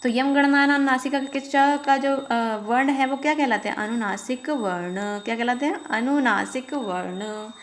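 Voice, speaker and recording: A woman teaching an online Sanskrit lesson, reciting the sutras slowly and drawn out and explaining them patiently. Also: high-pitched, steady tone. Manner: explains patiently, often checking with "theek hai".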